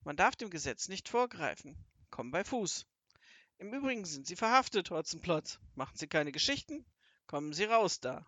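A reader voicing a self-important male village policeman who speaks in a gruff, officious tone. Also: mid-range voice, big pitch swings, moderate pace, bright, forceful tone, no room sound. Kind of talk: audiobook character voice.

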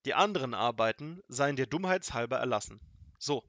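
A man's voice: mid-range voice, lively intonation, a little fast, dry recording, lo-fi sound. A man voicing a pompous, short-tempered male wizard in a storybook reading, barking orders impatiently. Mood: condescending. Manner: bossy, impatient, shouts orders.

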